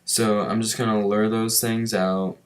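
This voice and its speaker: Young man, very low voice, casual gameplay commentary, relaxed and chatty, talks through his moves. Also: measured pace. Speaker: gaming commentator.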